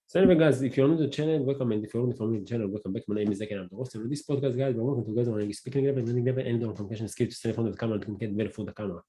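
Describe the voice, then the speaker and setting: Speaking in a mellow, mid-range voice, this man hosts a casual solo podcast alone. He has a Hebrew accent, being a native Hebrew speaker, and his speech is halting, with frequent restarts as he hunts for words.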